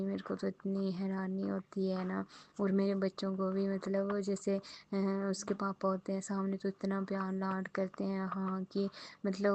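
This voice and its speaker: A woman giving an emotional personal testimony as a devotee, halting and pleading as she searches for words. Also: medium pitch, a little mellow, a little hiss or hum. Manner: aggrieved, pleading.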